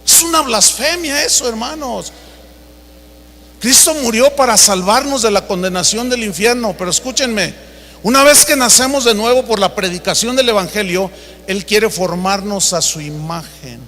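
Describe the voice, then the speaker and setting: Emphatic high-voiced pastor. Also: male voice, moderate pace, bright, forceful tone, slight background noise. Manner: emphatic, repetitive, addresses congregation as brothers. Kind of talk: sermon. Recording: echoey large hall.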